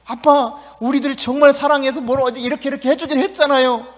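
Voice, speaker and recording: A man's voice: very high-pitched, fairly even intonation, fast, pitched above the performer's own voice. A man voicing an obedient son who earnestly pleads with his parents, in an echoey church hall. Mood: pleading.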